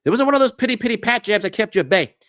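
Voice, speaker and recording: A man's voice: high-pitched, expressive, very fast, fairly bright tone. A man hosting a sports talk show, delivering an enthusiastic commentary monologue with frequent restarts and fillers.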